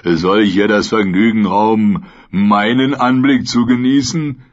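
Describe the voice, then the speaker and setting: A man's voice: fairly low pitch, steady tone, a little slow, natural voice. A man voicing a crude, burly, noseless male mercenary who jeers at his captives. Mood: jeering. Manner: crude, jeering. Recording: dull lo-fi recording.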